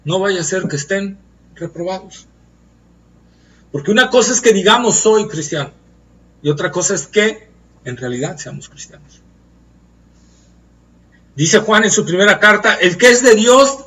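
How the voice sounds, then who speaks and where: A man preaching a Bible study sermon, earnest and emphatic, slowing down to stress key phrases. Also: sits high, animated, a bit bright, far from the mic.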